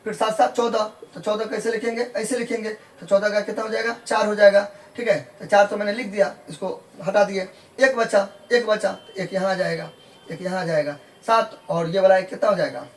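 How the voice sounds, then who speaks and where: A man's voice: high-pitched, fairly even intonation, fairly quick, far from the mic. A man working through a decimal addition problem as a maths teacher, patiently repeating each step and checking that students follow. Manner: repetitive, patient, asks "clear?" often. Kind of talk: explaining sums step by step.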